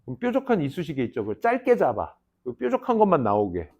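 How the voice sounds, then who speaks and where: A young adult man teaching an English class, lecturing students in a casual, teasing way with lively asides. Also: a little high, fast. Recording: dull lo-fi lecture recording.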